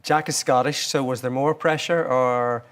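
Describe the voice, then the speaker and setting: A man's voice: mid-range voice, fairly even intonation, normal speed, fairly bright tone, clean tone. A man hosting a studio talk show who asks questions hesitantly, with many uhs and ums. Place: television studio.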